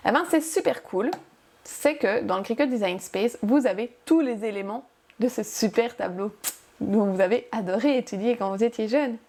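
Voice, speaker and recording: A woman with a fairly high voice hosts a crafting tutorial. She talks in a chatty, upbeat way and walks the listener through each step. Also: moderate pace, a little mellow. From France. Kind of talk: casual how-to tutorial.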